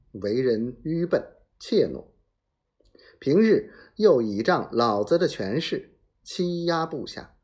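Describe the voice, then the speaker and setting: A man reading a serialized historical novel aloud in a dramatic, measured storytelling manner. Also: a little high, darkish tone.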